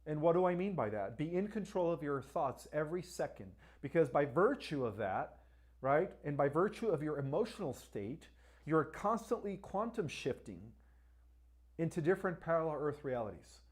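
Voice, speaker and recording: A man's voice: on the high side, sing-song, moderate pace. Emphatic man hosting a live Q&A. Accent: Spanish. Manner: emphatic, repeats "all right" and "right?"; asks viewers to like and share. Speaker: livestream host. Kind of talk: live-stream Q&A.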